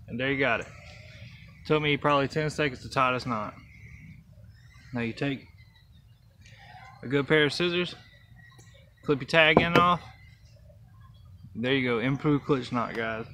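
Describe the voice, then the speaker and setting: A man's voice: medium pitch, a little slow, long pauses, bright, forceful tone, a little hiss or hum. A young man, casually demonstrating a fishing knot outdoors, counting the steps aloud. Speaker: fishing channel host. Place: outdoors by trees and a truck. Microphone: camera close up, held near face.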